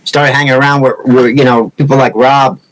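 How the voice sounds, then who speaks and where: The recording is rough, capturing a fairly quick, steady, medium-pitched male voice. He's a sixty-something host from Massachusetts, USA, with no regional accent, casually chatting, teasing viewers, joking and rambling on his woodcarving livestream.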